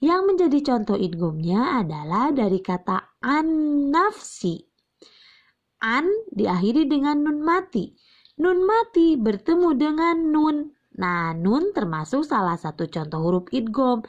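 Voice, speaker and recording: A woman's voice: high-pitched, sing-song. A young woman teaching Quran reading rules, asking questions and answering them herself, and stretching out each example word. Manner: drawn-out recited examples, repeats key terms, asks and answers herself. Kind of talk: slow patient tajwid lesson. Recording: slightly dull lo-fi recording.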